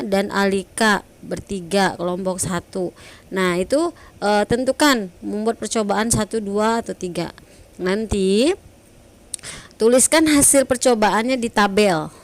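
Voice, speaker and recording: A woman teaching a primary school class online, speaking gently and coaxing her pupils with frequent "ya". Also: medium pitch. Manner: gentle, coaxing, adds "ya" to sentences.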